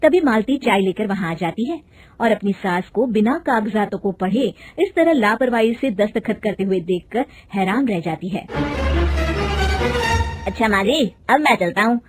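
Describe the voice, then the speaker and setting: A woman narrating a cartoon story in a steady, plain way. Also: mid-range voice, normal speed, faint music behind.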